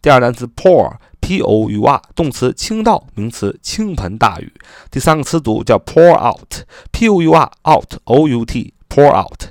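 A man hosting a spoken vocabulary lesson who repeats and spells out words slowly, with chatty fillers. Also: mid-range voice, big pitch swings, dry recording, clean studio sound. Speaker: English vocabulary teacher.

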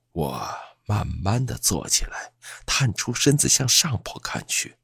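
Male ghost-story narrator, low husky voice, dramatic swings in pitch; suspenseful storytelling. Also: dry recording, clean studio sound.

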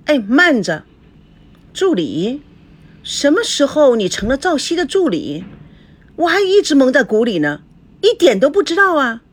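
A woman voicing a furious, betrayed young wife who talks in a shrill, cutting, accusing way, reading a storybook. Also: big pitch swings, normal speed, husky, full character voice. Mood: sarcastic.

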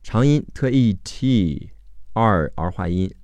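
A man teaching English vocabulary, slowly spelling out each word's letters and sounds. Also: on the low side, lively intonation, a little mellow, dry recording. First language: Chinese. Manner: slow, deliberate spelling-out of word sounds. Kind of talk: vocabulary phonics lesson.

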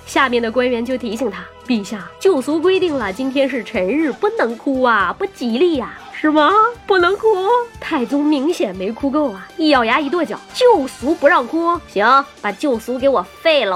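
A woman with a high, bright-sitting voice hosts a comedic history commentary. Her delivery is playful and slangy, full of teasing asides, and it swings between excited and mock-sad tones. Faint music plays beneath her. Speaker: history show host.

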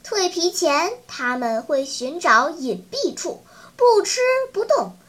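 A woman storyteller reading a children's story in a slow, sing-song, teacherly manner. Her voice is very high and bright and it rises and falls in lively swings, paced gently for young listeners.

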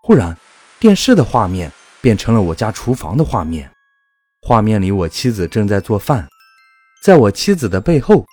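A man narrating a first-person ghost story in a measured, calm storytelling manner. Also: mid-range voice, no room sound.

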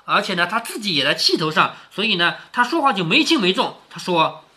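A middle-aged man reads a classic story aloud at home, breaking off to explain it in plain talk. His pitch swings widely as he asks rhetorical questions, and his tone is bright and forward. He sounds close to the mic. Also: big pitch swings, fairly quick. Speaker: storyteller reading a classic novel to his daughter. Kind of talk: casual read-aloud with commentary.

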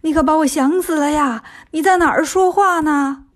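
Tearful monk master, voiced by a woman, fretful and pleading storybook character, high voice. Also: normal speed, lightly acted.

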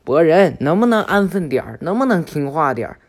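A man's voice: mid-range voice, normal speed, darkish tone, natural voice. A man voicing a stern adult ninja teacher who scolds a pupil. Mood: scolding.

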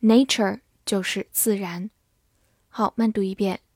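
A woman's voice: medium pitch, fairly even intonation, darkish tone, no room sound. A woman teaching English vocabulary, spelling each word out letter by letter and explaining it step by step. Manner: slow, spells words letter by letter.

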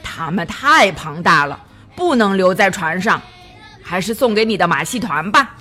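A woman voicing a matter-of-fact male ship captain in a children's storybook, in a lowered voice. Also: lively intonation, moderate pace, bright, forceful tone, soft background music. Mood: brusque.

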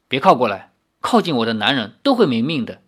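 A man's voice: on the high side, expressive, fast talker, a bit bright. A man voicing a cold, curt woman who is secretly a toad demon, in a read-aloud novel. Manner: icy, curt.

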